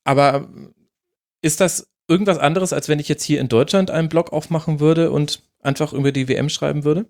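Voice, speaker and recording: A man's voice: on the high side, steady tone, brisk, darkish tone. Franconian man hosting a podcast interview. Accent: Franconian rolled R. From Franconia, Germany. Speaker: podcast host. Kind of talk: casual interview.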